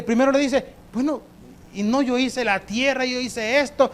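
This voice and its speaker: High-voiced Salvadoran pastor preaching emphatically. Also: male voice. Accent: Salvadoran Spanish. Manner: emphatic, repeats phrases, addresses listeners as brother. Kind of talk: sermon. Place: church service.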